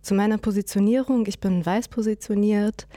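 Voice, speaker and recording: A woman hosting and moderating a conversation, speaking in a measured way with frequent pauses and fillers. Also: mid-range voice, fairly even intonation, warm tone, no room sound, clean studio sound. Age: adult, mother. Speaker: host and interviewer.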